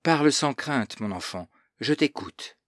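A man's voice: mid-range voice, expressive, a little slow, a bit bright, no echo, clean studio sound, pitched above the performer's own voice. A man voicing a stern, pious older aunt who lectures her niece with self-satisfied moralizing. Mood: lecturing.

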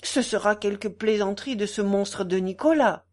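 A woman's voice: mid-range voice, moderate pace, a little mellow, natural voice. A woman reading aloud, voicing a grown male gamekeeper who speaks with urgency. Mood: urgent. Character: grown male estate gamekeeper, alert and anxious.

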